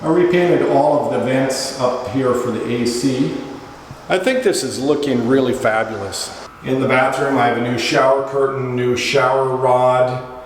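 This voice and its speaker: A man's voice: mid-range voice, steady tone, unhurried. Man giving a very echoey house walkthrough. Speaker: property owner and video host. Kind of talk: casual walkthrough narration of a house tour. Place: indoors in an empty house. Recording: very echoey empty house, faint noise.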